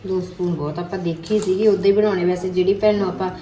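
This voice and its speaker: A mother who family-vlogs chats casually at home, narrating her household chores as she goes. Her voice is lowish and dark, fast, with fairly even intonation. The home recording is noisy and has clicks.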